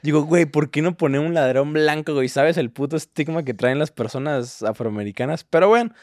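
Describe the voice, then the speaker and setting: A man's voice: fairly high pitch, a little fast, darkish tone, no room sound, clean studio sound. A young adult man with a Mexican accent, co-hosting a casual podcast chat, rambling and jokey. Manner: rambling, jokey, mock-defensive. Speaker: podcast co-host.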